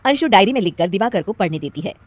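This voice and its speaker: A woman narrating an animated moral story in an even storytelling tone. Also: mid-range voice, quick pace, no echo.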